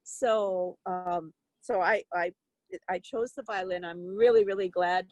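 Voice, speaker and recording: A woman's voice: lowish voice, steady tone, a little slow, no echo, rough recording. An older woman from Turkey, a violinist, telling her life story in an interview in a reflective way, with frequent fillers and restarts. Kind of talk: conversational interview.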